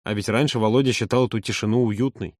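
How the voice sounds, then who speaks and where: A man narrating an audiobook in an expressive, varied reading. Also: fairly low pitch, fast, loud music behind the voice.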